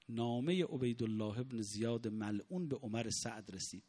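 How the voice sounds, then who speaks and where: Husky male preacher telling a mournful story. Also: mid-range voice, darkish tone. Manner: emotive, voice rising in moving moments.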